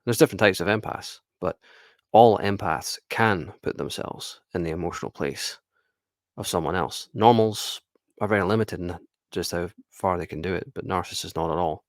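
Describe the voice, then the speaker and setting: A man's voice: low-pitched, normal speed, dry recording, studio quality. A man giving blunt, casual commentary on a reality show, swearing and laughing now and then.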